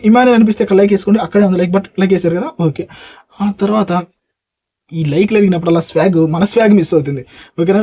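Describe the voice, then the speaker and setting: Fast, high-pitched heated male reviewer. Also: mellow. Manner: argumentative, fires rhetorical questions at rival reviewers; calls viewers "mama" and "swamy". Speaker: reality show reviewer. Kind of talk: heated opinionated review monologue.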